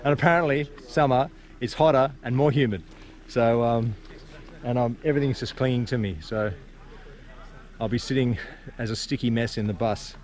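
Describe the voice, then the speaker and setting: A man's voice: mid-range voice, normal speed, long pauses, a little mellow. A man narrating a casual travel vlog in a wry, understated but appreciative way. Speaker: travel vlogger. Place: mostly outdoors on a tour. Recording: outdoor handheld recording with ambient noise.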